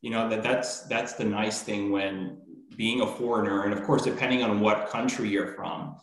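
A man's voice: on the low side, steady tone, moderate pace, roomy sound, rough recording. A man in his thirties hosting a business interview show, upbeat and polite, guiding his guest with questions. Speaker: host. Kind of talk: interview hosting over video call. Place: small room with bare walls.

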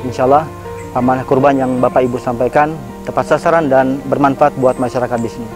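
A man's voice: medium pitch, fairly even intonation, fairly quick. A man who heads a regional charity branch, speaking earnestly and formally in a village house. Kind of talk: formal appeal and discussion. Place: indoors in a small village house. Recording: loud music under the voice.

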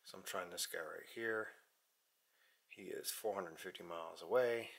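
An American amateur radio hobbyist with a low, gravelly voice narrates a casual vlog at a moderate pace, offhand and half talking to himself as he works his radio. He's in an unfinished basement with metal shelving, captured by a handheld camera mic at arm's length amid steady background noise.

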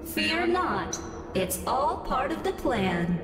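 Gentle, soothing AI voice. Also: female voice, high voice, very animated, heavily acted. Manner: slow, soothing, reassuring. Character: calm, gentle female AI voice reassuring the player. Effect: soothing machine-like announcement voice. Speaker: game character voice. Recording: echoey hall reverb over game music.

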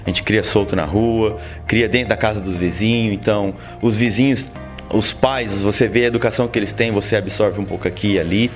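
A Brazilian man in his forties, guesting in a studio interview, tells lively stories in an interior São Paulo Portuguese accent, sprinkling in lots of "sabe?". The interviewer holds a handheld mic. His voice is lowish and a bit fast, with soft music underneath.

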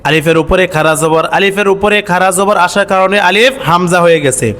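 Man, high voice, quran reading teacher, spells letters, chants syllables, asks and answers himself, long reverb. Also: steady tone, fairly bright tone. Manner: spells letters and vowel marks aloud, then chants the syllables slowly. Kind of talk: step-by-step recitation lesson.

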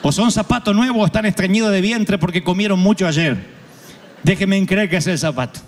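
A man with an Argentine accent preaching a humorous sermon, acting out quoted voices and breaking into sudden shouts. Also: high voice, brisk, big-room sound. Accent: Argentine Spanish. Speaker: pastor.

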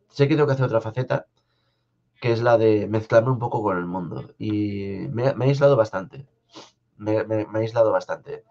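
A young man from Spain, speaking with a Spanish accent in a lowish voice, hosts a casual live stream from his home studio. He reads viewer comments and answers them softly and haltingly, restarting often. The stream audio is slightly dull and lo-fi.

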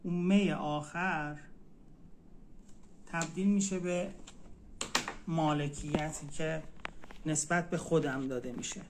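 Male teacher on a live stream, slightly high voice, patient and repetitive, faint room noise. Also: steady tone. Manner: patient, repeats words slowly. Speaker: language teacher. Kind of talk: casual live-stream language lesson.

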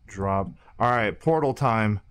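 A man's voice: fairly low pitch, slow, a bit bright, slight background noise. A man streaming, chatting casually and swearing as he gives a guided tour.

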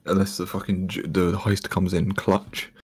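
A man's voice: deep voice, level tone, moderate pace, slightly rough, no room sound, studio quality. A man in casual chat, with a laddish, sweary, bantering way of talking.

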